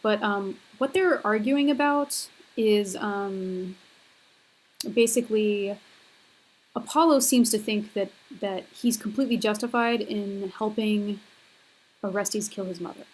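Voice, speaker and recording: A woman's voice: mid-range voice, measured pace, darkish tone, poor audio. A young woman lecturing on a recorded university class, talking casually and hesitantly with many fillers.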